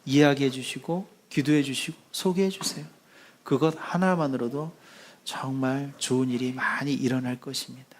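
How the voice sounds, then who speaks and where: A male pastor preaching a sermon as animated storytelling. He acts out the voices of the people in his story and sinks to a hushed, soft delivery as he closes. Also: mid-range voice, normal speed. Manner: drops to a hushed, soft delivery when closing.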